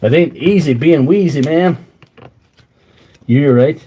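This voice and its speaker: A man with a wheezy, mellow, slightly high voice hosts a tool repair livestream, rambling and chatting with viewers as he works on tools in his workshop. He takes things slowly. A close mic on a stand picks him up, with dull audio and a little hiss or hum.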